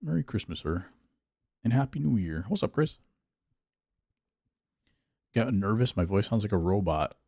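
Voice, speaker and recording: Low, gravelly-voiced male streamer. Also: unhurried, pauses often, no echo, clean studio sound. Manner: thinks aloud, reads and answers chat, relaxed. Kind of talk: casual gameplay livestream chat.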